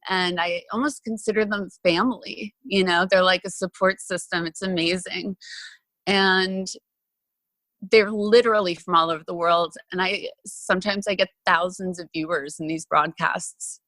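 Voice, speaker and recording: Woman, low-pitched, chatty podcast guest, dry close sound, lots of fillers. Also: steady tone, moderate pace, a bit bright, dry recording. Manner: chatty and open, with frequent fillers. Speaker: podcast guest, actress and former TV reporter. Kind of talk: casual interview conversation.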